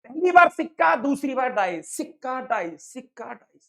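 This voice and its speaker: A woman teaching maths online gives exam students a lively, playful lecture on probability, calling them sir and dada. Her voice sits high, with some vocal fry, and she speaks at a moderate pace.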